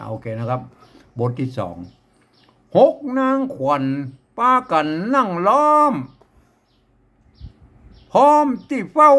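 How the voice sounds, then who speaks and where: A man with a Northern Thai accent teaching old verse writing, chanting lines and then explaining them in a relaxed way. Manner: switches between high sung chanting of verses and low relaxed explaining.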